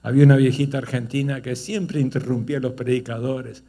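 A man's voice: mid-range voice, level tone, brisk, warm tone. A man preaching, moving from storytelling into emphatic rhetorical questions. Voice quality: gravelly. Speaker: pastor. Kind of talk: sermon.

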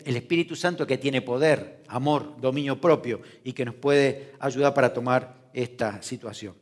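A male pastor preaching a sermon in a church, swinging from soft, quiet passages to loud, emphatic lines and asking the congregation questions. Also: medium pitch, moderate pace. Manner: asks the congregation rhetorical questions.

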